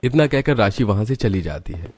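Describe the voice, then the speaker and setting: Low-voiced male story narrator. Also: lively intonation, normal speed, darkish tone.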